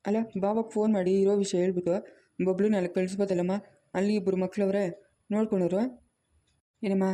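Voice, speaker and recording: A woman's voice: mid-range voice, level tone, dark tone, natural voice. A woman playing a young man who urges his mother to send the boy away, in a homemade family drama. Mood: insistent. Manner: quick, insistent, persuasive.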